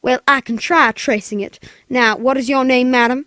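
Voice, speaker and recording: A man's voice: extremely high pitch, fairly even intonation, moderate pace, pushed and bright, dry recording. Man playing a formal, detached lady telephone operator. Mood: officious. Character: polite, unhelpful female telephone operator. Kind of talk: 1940s radio play acting.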